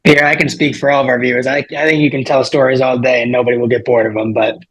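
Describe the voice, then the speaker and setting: Husky-voiced man hosting a podcast. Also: mid-range voice, level tone, quick pace, poor audio. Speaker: podcast host. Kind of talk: casual interview questions.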